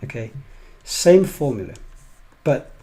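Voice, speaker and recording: Husky-voiced man giving a chemistry lecture. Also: medium pitch, sing-song, slow, mellow. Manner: explains step by step, often asks "right?". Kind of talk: recorded lecture over slides.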